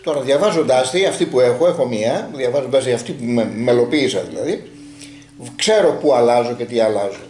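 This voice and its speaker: A man's voice: medium pitch, expressive, darkish tone, reverberant, a little hiss or hum. A man telling a long story in casual group talk and acting out the dialogue as he goes.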